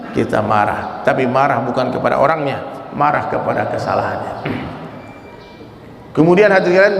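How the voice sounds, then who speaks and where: Gravelly-voiced preacher in an echoey hall. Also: male voice, fairly high pitch, slight background noise. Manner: animated, jokey, coaxes the crowd to repeat. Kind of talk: sermon with Q&A.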